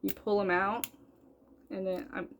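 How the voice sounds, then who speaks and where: A woman's voice: mid-range voice, little pitch movement, unhurried, a little hiss or hum. A young woman talking casually about her cross-stitch projects, rambling and correcting herself as she goes. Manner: chatty, rambling, self-correcting. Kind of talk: casual chat.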